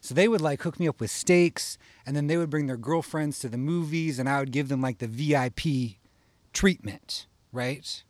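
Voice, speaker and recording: A man's voice: a little high, normal speed, dry recording. A man from Iowa telling a casual personal story, rambling and profane, tagging his lines with "you know?". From Iowa, USA.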